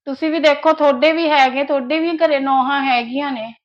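A woman's voice: high-pitched, steady tone, a little fast, muffled recording, close to an everyday voice. A woman with an Indian Punjabi accent acting a young daughter-in-law who persuades and pleads to make peace in an amateur family drama skit. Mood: coaxing.

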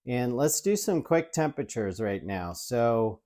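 On a lapel mic by the open window of his home kitchen, a forties tech reviewer walks through a product demo. His mid-range voice is mellow and very animated at a measured pace, and his chatty explanations come with lots of ums and restarts as he handles the device.

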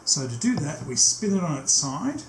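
In an echoey little workshop cluttered with gear, an older technician walks through a tape machine setup without a script. His slightly high voice swings widely in pitch as he explains each step, frequently stopping mid-task. Faint background noise is audible.

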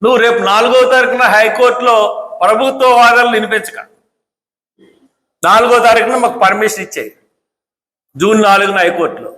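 A man's voice: sits high, a little fast, long pauses, pushed and bright. A man giving a combative political speech, scolding with repeated rhetorical questions. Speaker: political commentator. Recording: echoey hall.

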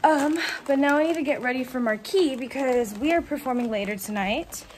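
A woman's voice: high-pitched, a little fast, a little hiss or hum. A teenage girl in casual vlog chat, chatty and rambling with lots of fillers, filmed on a phone. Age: teens. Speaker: vlogger, show choir member.

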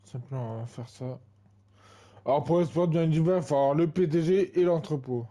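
A man's voice: fairly high pitch, normal speed, dark tone. A man in his twenties giving casual gameplay commentary, rambling and full of fillers and repeated tags. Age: 20s. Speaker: gaming channel host.

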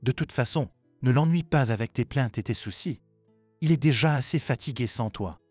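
A cold, lecturing stepmother in a spoken story, read by a man in his plain voice. Her stern delivery sits at a middle pitch. The recording is dry, with faint music behind it. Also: normal speed, a little mellow, no echo, natural voice.

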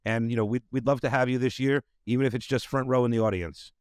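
A man's voice: medium pitch, fairly even intonation, quick pace, darkish tone, clean tone, no room sound. Middle-aged male podcast host, rambling filler-heavy delivery, desk mic, dry. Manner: rambling, full of "you know" fillers. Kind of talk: casual interview chat. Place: home studio with bookshelves. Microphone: desk mic on video call.

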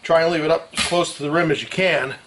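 Speaking fast in a fairly high voice with a steady tone, a middle-aged mechanic hosts a casual how-to video, working a few feet from the camera. He's in a garage with the door open, using folksy, salty slang while metal tools clank around him.

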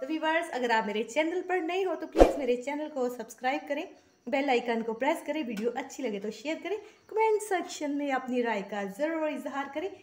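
Speaking a little fast in a high-pitched, animated, slightly mellow voice, a Pakistani woman narrates a casual cooking tutorial in her home kitchen. She explains the recipe step by step in a chatty, homely manner full of blessings, with slight background noise present.

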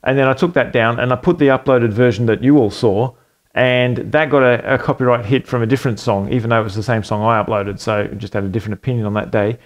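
This middle-aged man is a home music producer and channel host, sitting at a computer desk in a small home studio room. He talks fast in an everyday mid-pitched voice, casually walking through a home recording in an easygoing, rambling way full of ums, fillers, and self-corrections.

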